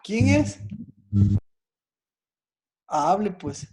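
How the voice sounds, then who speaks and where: A woman preacher giving an interactive Bible lesson. She repeats her questions to the listeners and gets excited by their answers. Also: medium pitch, drawn-out words, husky.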